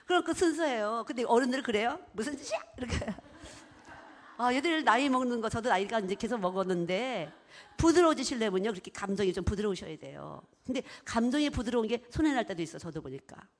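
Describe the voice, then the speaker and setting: A woman preaching a sermon. She swings between soft whispers and loud, emphatic bursts, and acts out little exchanges as she talks. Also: on the high side, fast talker. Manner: expressive, acts out little exchanges in her talk.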